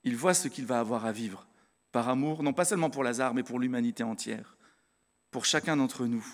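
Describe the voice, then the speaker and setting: Earnest French preacher in an echoing hall. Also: male voice, mid-range voice, fairly quick. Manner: conversational, addresses the congregation directly; earnest, stresses his convictions. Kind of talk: sermon with Bible reading.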